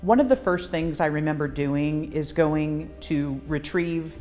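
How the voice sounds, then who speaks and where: A woman's voice: low-pitched, unhurried, dark tone, soft background music. A woman attorney speaking in a composed, matter-of-fact way in a documentary interview.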